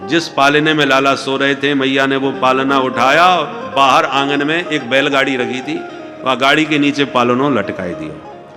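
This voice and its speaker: A man's voice: mid-range voice, normal speed. A man telling a devotional religious story as a sermon, slipping into folk dialect for the characters and chanting refrains. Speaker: kathavachak. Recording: hall reverb with music.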